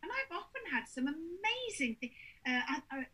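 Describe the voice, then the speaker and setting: A woman's voice: very high-pitched, normal speed, rough recording. A woman, a paranormal investigator telling stories in casual chat and acting out the people she quotes. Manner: animated storyteller, acts out quotes.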